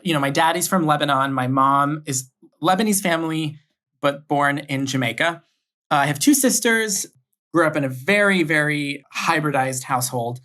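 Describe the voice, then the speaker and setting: A young adult man from Miami, United States, appears as a podcast guest in a conversational interview, thoughtfully talking through his background. His voice is fairly high, bright and forceful, at a moderate pace, and he often restarts sentences and repeats words.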